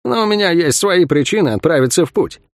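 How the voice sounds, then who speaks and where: A man voicing a gruff, weary female assassin who grumbles and snaps sarcastically in an audiobook. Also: a little high, lively intonation, a little fast, no room sound, clean studio sound, voice pushed up. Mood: grumbling.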